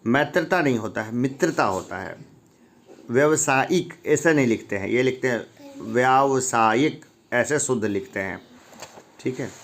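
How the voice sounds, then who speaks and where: A man takes learners through a grammar lesson in an easygoing way. He reads each wrong form aloud, asks his listeners what the right one should be, and answers himself. His voice sits at an ordinary middle pitch. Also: lively intonation, normal speed. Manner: reads each wrong form and then the correct one, asking rhetorical questions. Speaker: Hindi grammar teacher. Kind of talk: informal spoken lesson.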